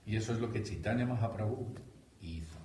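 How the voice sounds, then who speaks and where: A man with a Spanish accent from Spain, giving a devotional talk to a group, animated and teasing. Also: on the low side, brisk, a little hiss or hum. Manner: animated, teasing, laughs at own jokes. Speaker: spiritual teacher. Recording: echoey room from a distance.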